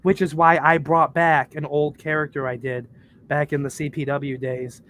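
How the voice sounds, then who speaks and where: A man's voice: on the high side, little pitch movement, moderate pace, fairly bright tone, slight background noise. A man chatting casually on a podcast, rambling with lots of "uh" and "like". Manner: rambling, fills with "uh" and "like". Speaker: podcast cast member. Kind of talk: casual chat.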